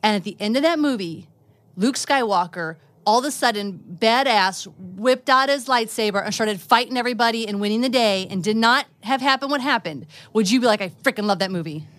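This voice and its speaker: A woman's voice: a little high, fairly quick, fairly bright tone, no echo. A woman co-hosting a podcast, arguing her point in an insistent, casual debate. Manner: insistent, argumentative. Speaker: podcast co-host.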